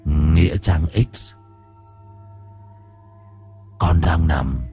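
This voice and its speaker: Man doing a husky, hushed young man's ghost, low and faint, soft music behind. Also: fairly even intonation, very slow, full character voice. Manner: hushed, stiff. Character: ghost of a young man, speaking through a medium.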